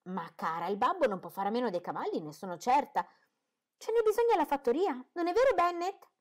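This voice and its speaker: A woman voicing an excitable, fussy middle-aged mother who talks high, loud and eager in a storybook reading. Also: fairly quick. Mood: coaxing.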